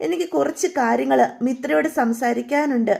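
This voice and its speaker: An anxious younger sister, voiced by a woman storyteller speaks in urgent, worried bursts. Her voice is high and carries a slight rasp. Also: fairly quick, a little mellow, exaggerated voice.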